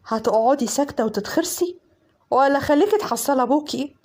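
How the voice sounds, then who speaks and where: A woman's voice: sits high, lively intonation, a little fast, a little mellow. A woman doing a menacing young cousin. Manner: harsh, menacing orders. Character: threatening young male cousin holding a weapon.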